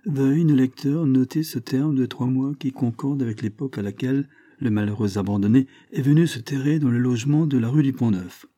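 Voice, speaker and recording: A man narrating a novel aloud in a measured, formal reading style. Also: mid-range voice, fairly even intonation, warm tone. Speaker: audiobook narrator. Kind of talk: scripted narration.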